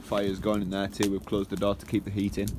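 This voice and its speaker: Relaxed low-voiced Northern English camper. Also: male voice, a little fast, background noise. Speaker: camping vlogger. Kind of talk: casual outdoor vlog narration. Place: outdoors at a woodland camp by a fire.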